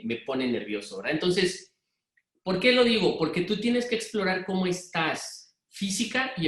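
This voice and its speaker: Middle-aged Mexican man with a Monterrey-influenced accent, hurried and direct, running a parenting workshop in a roomy, echoing space. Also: fairly high pitch, a bit bright. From Mexico City. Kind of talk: live workshop talk to parents. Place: room with an audience.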